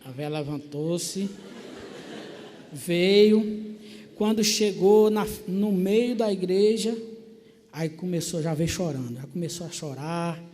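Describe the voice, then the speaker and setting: In a church filled with people, a man preaches his testimony as a story, animatedly acting out the voices of family members. His high-pitched voice is mellow, and he takes it slowly with frequent pauses, all in a reverberant church hall.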